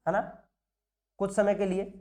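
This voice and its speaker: A man's voice: high-pitched, monotone, unhurried, darkish tone. Man lecturing with constant tag questions. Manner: repeats key words, frequent "है ना" tag questions; asks and answers own questions. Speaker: nursing exam teacher. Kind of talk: classroom lecture.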